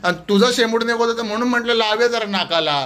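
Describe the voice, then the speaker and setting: A man's voice: very high-pitched, fast talker, sharp tone. A man hosting a casual couple vlog, teasing his wife and then sheepishly apologizing. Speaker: vlogger husband.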